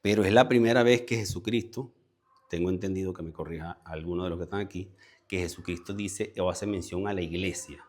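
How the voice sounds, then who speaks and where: A man's voice: sits low, fairly quick, a little mellow. A man leading a Bible study before a congregation, explaining word meanings step by step and repeating key words for emphasis. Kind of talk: conversational Bible teaching. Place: church meeting with a congregation present.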